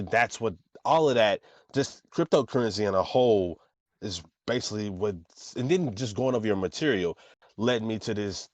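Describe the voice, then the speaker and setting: Halting male podcast host, dry sound. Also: on the low side, dry recording. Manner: halting, repeats words while thinking. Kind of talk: casual interview chat.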